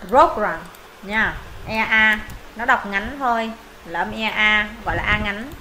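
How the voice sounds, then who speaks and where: A woman's voice: mid-range voice, measured pace, pushed and bright, a little hiss or hum, low-quality recording. A woman teaching English pronunciation in Vietnamese, modelling words, repeating them for students and thinking aloud when unsure.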